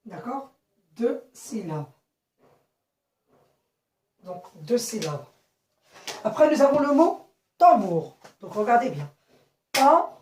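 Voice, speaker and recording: A woman teacher with a slightly high voice, leading a phonics lesson for small children. She speaks slowly and deliberately, spelling words letter by letter and repeating each one. The sound is roomy and echoey, picked up from a few steps away. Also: darkish tone, slight background noise. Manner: slow, clear, repeats and spells words out, checks with "d'accord?". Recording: echoey room, voice from a distance.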